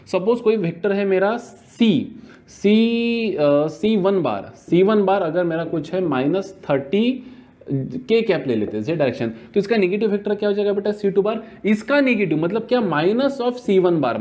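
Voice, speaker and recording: Chatty Hindi-physics teacher. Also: male voice, fairly high pitch, darkish tone. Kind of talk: classroom lecture.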